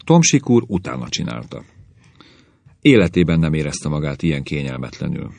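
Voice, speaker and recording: A man reading a humorous story aloud in an audiobook narration, expressive and measured. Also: rumbling low, gravelly, no echo.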